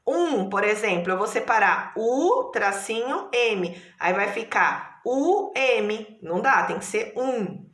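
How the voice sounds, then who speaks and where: A woman's voice: mid-range voice, fairly bright tone, echoey room. A Brazilian woman teacher giving a primary school lesson, patient, stretching out syllables and checking in often. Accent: Brazilian Portuguese. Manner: patient, slow, drawn-out syllables with frequent checks.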